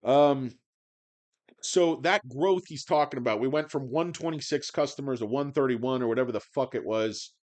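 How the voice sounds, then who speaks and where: A man's voice: mid-range voice, a little mellow. Profane rambling man in his forties. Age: 40s. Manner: profane, sarcastic, rambling with many fillers. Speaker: stock livestream host. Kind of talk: profane casual livestream rant.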